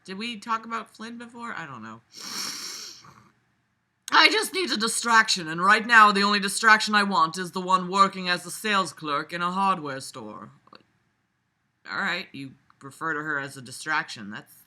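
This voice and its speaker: A woman with a lowish, lively voice reads a novel aloud at a moderate pace, her tone sharp. She keeps stopping to toss in casual, mocking commentary, sarcastic and exasperated, and she swears constantly.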